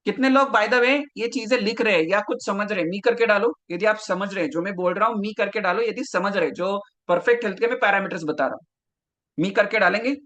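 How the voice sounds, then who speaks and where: A male health coach runs a live online class, speaking straight to his viewers and calling out their names from the chat. His voice sits high and sounds bright and forceful. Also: fast talker.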